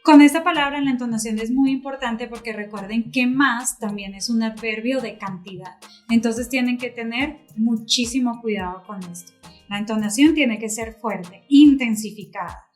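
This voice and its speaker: A woman with a fairly high voice co-hosts a Spanish lesson, explaining with lively emphasis. She often affirms her partner with short sounds. Soft music sits faintly in the background. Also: moderate pace. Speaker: Spanish teacher.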